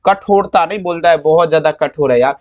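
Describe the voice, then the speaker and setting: A man's voice: on the high side, fairly quick. A man teaching students, going over exam answers with affectionate, repetitive coaching. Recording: slightly dull lo-fi sound.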